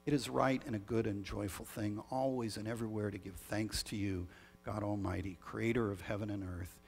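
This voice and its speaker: A male pastor leading a communion liturgy in a measured, solemn way, heard with a long cathedral-like echo. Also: lowish voice, steady tone, gravelly, a little mellow, slight background noise. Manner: measured, solemn liturgical reading with small restarts. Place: church sanctuary. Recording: long reverb of a large church.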